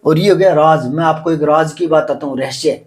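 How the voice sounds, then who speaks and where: Brief: male language teacher, patient and explanatory, slightly high voice. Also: brisk. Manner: patient, explains with examples and repeated check-in questions. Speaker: Hindi grammar teacher. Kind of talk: classroom lesson.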